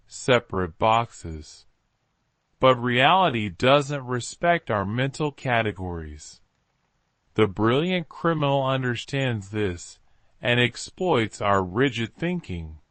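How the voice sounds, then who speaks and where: A man's voice: medium pitch, very animated, slow, fairly bright tone, dry recording. A man voicing a thoughtful, self-assured detective in story dialogue, in a reflective fireside storytelling manner. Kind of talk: story dialogue read by narrator.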